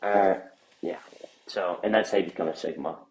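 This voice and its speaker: A man co-hosting a comedy sketch, giving absurd answers in a flat, deadpan way. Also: low-pitched, normal speed, a little hiss or hum, poor audio. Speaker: comedy show co-host.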